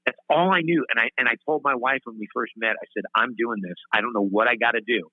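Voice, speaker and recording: A fast-talking man of medium pitch, in his fifties, tells long, meandering stories as a singer-songwriter interview guest, often breaking off to begin again and laughing at himself. His voice arrives through a thin phone-like line, very dry, with no room sound.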